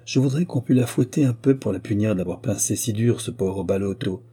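Audiobook: man playing an indignant young lady; emphatic, husky, dark. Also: lowish voice, brisk. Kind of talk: audiobook character reading.

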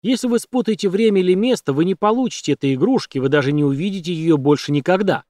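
A man's voice: sits high, animated, quick pace, dark tone, no room sound, clean studio sound, voice pushed up. A man voicing a tense, commanding male sorcerer in an audiobook.

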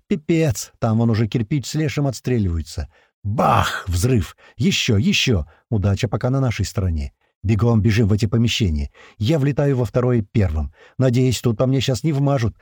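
Man, audiobook narrator, dark voice, lively intonation, rough slangy storytelling, dry close recording. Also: medium pitch, dry recording. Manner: rough slang-filled storytelling, bursts into loud shouted lines. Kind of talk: first-person audiobook narration with acted shouts.

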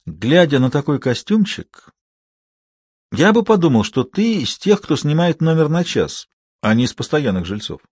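A man reading an audiobook, voicing a sly, genial old vagrant preacher with a smooth, preachy manner. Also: on the high side, big pitch swings, moderate pace, a little mellow, dry recording, voice pushed up.

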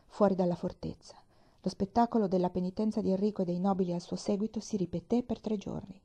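Mellow-voiced woman reading a novel. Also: medium pitch, gravelly, dull audio. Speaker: reader.

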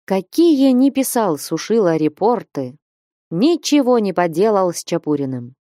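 Женщина читает аудиокнигу выразительно. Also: female voice, medium pitch, big pitch swings, a little slow, dark tone, no room sound, studio quality. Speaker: narrator. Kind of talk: audiobook reading of classic prose.

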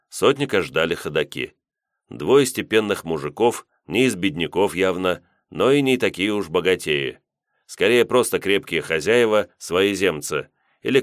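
A man narrating a historical fantasy novel in a measured storytelling manner. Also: sits low, no room sound, studio quality. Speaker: audiobook narrator. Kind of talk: scripted narration.

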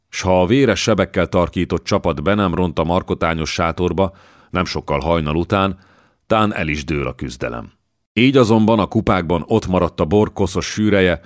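A man reading an audiobook in a steady, measured narration, close to the mic. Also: sits low, no echo. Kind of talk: scripted narration.

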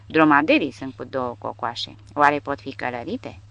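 Lady reading grumpy mocking soldier dude, lowish, dry sound. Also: vocal fry, a bit bright, lo-fi sound, heavily acted. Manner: mocking, cranky. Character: mocking, surly male soldier.

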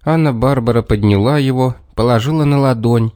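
A man narrating a children's storybook in a measured, expressive reading. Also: mid-range voice, no echo, clean studio sound.

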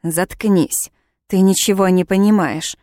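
A woman's voice: fairly even intonation, measured pace, mellow, no room sound, studio quality, lightly acted. Woman reading as a smug fanatic guy jailer, hisses and squeals when mad. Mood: pompous. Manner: pompous, hissing, shrill when angry. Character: pompous fanatic male witch-hunter jailer.

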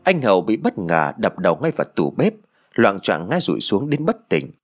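A man narrating an audio story in an expressive storytelling manner. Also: lowish voice, moderate pace.

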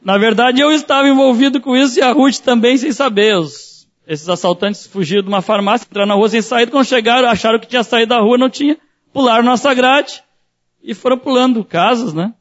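A man's voice: very high-pitched, brisk, dull audio. A man preaching as a pastor, telling a personal story in a sermon and acting out the voices in it.

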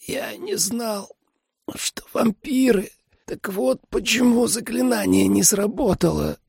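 A man's voice: high voice, animated, slow pace, gravelly, a little mellow, husky, no room sound, voice pushed up, full character voice. A man reading an audiobook voices a dying middle-aged father who speaks in faint, broken, tearful whispers, weak and fading. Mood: anguished.

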